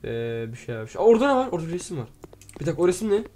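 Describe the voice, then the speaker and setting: A man hosting a gaming video, reacting excitedly, swearing playfully at the game and reading its text aloud as he plays. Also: fairly high pitch, racing. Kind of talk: let's play commentary.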